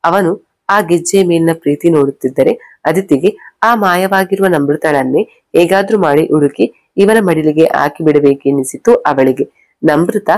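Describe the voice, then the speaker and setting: A woman reading a scripted story aloud in a steady, measured way, close to the mic. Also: low-pitched, no echo. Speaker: narrator.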